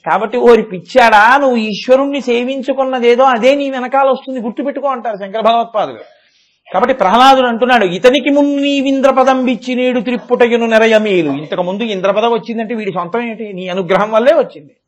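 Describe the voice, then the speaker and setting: A man giving a devotional discourse, chanting verses slowly and explaining them with fervent rhetorical questions. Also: very high voice. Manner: rhetorical questions and emphatic repetition. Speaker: religious discourse speaker.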